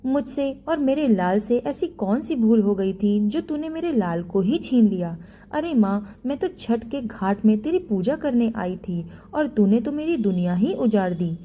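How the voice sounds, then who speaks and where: A pious, gentle old mother from a village folk tale, voiced by a woman narrator. She pleads and implores in a mellow, warm voice. The telling is storybook style. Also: on the high side, expressive, measured pace, slight background noise. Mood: desperate pleading.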